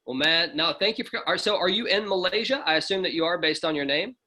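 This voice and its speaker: A man hosting an online promotional call, energetic and hyping up the audience. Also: high voice, quick pace. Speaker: host of an online overview call.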